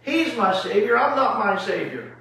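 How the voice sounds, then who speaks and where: A man's voice: high voice, big pitch swings, normal speed, creaky, sharp tone. A male pastor teaching a Bible study at home with emphatic rhetorical questions, recorded in an echoey room from a distance. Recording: echoey room from far off, faint noise.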